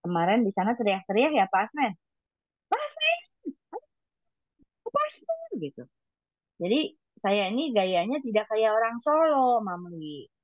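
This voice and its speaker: A woman giving an informal devotional teaching to colleagues, in a blunt and habitually loud, high-toned manner. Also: animated, normal speed, no echo, highs cut off. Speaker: devotional reading leader.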